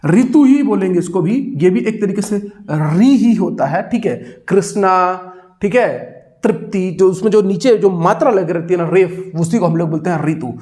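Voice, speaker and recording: High-voiced man teaching in an energetic lecture. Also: moderate pace. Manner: energetic, repeats chants for students to follow. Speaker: exam coaching teacher. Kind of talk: classroom lecture.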